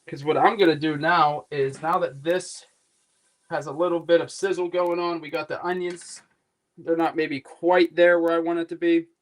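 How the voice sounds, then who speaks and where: Here a home-kitchen cooking livestreamer with a Pittsburgh accent talks casually and loosely, tossing in offhand swearing. His voice is a little high, with little pitch movement and a normal speaking speed.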